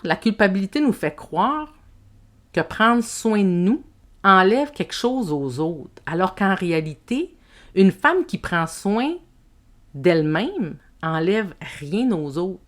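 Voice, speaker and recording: A woman with a Québécois French accent hosting a self-help podcast, speaking to the listener in a gentle, reflective way. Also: medium pitch, sing-song. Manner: slow, gentle, addresses the listener as tu. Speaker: podcast host and women's coach.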